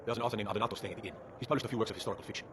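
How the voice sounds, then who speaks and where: Actor as a very fast-talking gossipy townsman. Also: lowish voice, fairly even intonation, close to an everyday voice. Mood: informative. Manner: informative, gossipy. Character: knowing local man describing his town. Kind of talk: video game character dialogue. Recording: sped-up game audio with outdoor noise.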